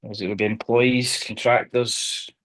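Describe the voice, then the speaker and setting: A man with a Glaswegian accent, talking through his workplace training and risk assessment work in an interview, hesitant with many pauses and restarts. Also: medium pitch, flat delivery, fairly bright tone, low-quality recording. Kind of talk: conversational professional discussion.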